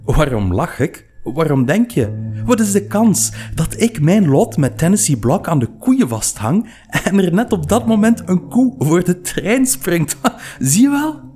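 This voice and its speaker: An excitable, stubborn young woman bursts out in a high, loud voice, as a male narrator puts her on. She gushes and snaps by turns in a storybook reading. A faint guitar plays underneath. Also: a little slow. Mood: euphoric. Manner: high-pitched, laughing and exclaiming.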